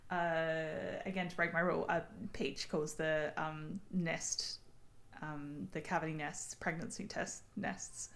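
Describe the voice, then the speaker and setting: A woman with a posh Australian accent chats casually over a game, wry and easygoing. Her voice sits on the low side and has plenty of creak, with faint noise behind it. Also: little pitch movement, slow, fairly bright tone.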